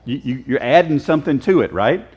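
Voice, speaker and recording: A man's voice: medium pitch, expressive, fairly quick, a little mellow, husky, highs cut off. A man teaching a casual Bible class, joking and quizzing his students. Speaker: Sunday school teacher. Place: church classroom.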